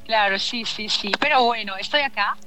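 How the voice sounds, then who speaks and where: An Italian-born singer with an Italian accent speaks in a radio interview, hesitating and searching for words. Her voice is on the high side and moves at a moderate pace. Faint music plays in the background.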